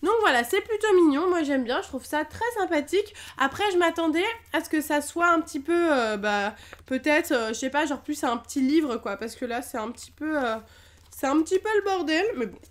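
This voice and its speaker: A woman's voice: sits high, lively intonation, fairly quick. A young French woman chatting through an unboxing vlog, enthusiastic, with many fillers. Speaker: YouTuber unboxing Pokémon lottery prizes.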